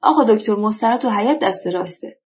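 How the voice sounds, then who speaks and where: A woman's voice: mid-range voice, lively intonation, natural voice. A woman reading a story, voicing a talkative, hospitable older village man who speaks emphatically and airs his grievances. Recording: dull lo-fi recording.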